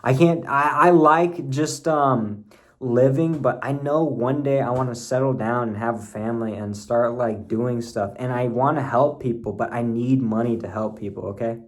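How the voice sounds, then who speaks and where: A man's voice: mid-range voice, moderate pace. A young man talking to his camera at home in a loose, rambling, slangy way, swearing casually as he tells his story. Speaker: vlogger. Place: at home, bathroom nearby.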